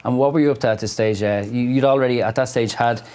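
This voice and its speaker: A man's voice: medium pitch, fairly even intonation, quick pace, a little mellow, smooth. A man interviewing two boxers, recapping their careers and steering with questions. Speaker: interviewer, sports presenter. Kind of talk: sports interview.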